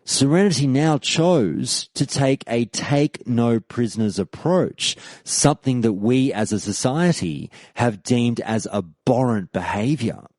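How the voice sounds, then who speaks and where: Reading forum posts in a scripted monologue, a man hosting a podcast argues emphatically and rhetorically, as if debating. His darkish, medium-pitched voice is unhurried with few pauses, and there's no room sound.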